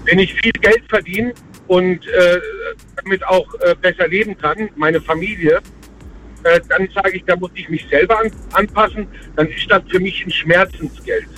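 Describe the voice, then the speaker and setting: A man's voice: high voice, normal speed, pushed and bright. A man calling in to a radio show over a phone line from the road, talking hesitantly with many fillers. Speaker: radio call-in caller. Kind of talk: casual call-in chat.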